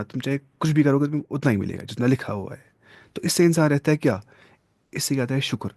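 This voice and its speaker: A man teaching a religious class, his voice sitting at an ordinary middle pitch. He reads passages out slowly and deliberately, then slips into loose, chatty explanation, often checking in with his listeners. The sound is dry and close, with almost no room echo. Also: a little mellow. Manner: reads English text slowly, explains casually with tag questions. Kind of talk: teaching lesson, reading text then explaining.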